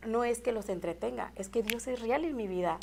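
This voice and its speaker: A woman's voice: fairly high pitch, brisk, vocal fry, background noise. A woman telling an emotional faith testimony in an earnest, heartfelt way as a guest. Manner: earnest, heartfelt, repeats and restarts phrases.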